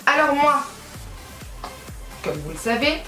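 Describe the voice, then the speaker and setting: A woman's voice: high voice, sing-song, slow, sharp tone, distant mic. A woman from France talks through a makeup tutorial in a loose, chatty way, full of fillers and self-corrections. She sits a little back from the mic in a roomy, echoing space. Faint music plays underneath. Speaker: beauty vlogger. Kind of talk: casual makeup tutorial chat. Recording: echoey room, voice a bit off-mic, faint music.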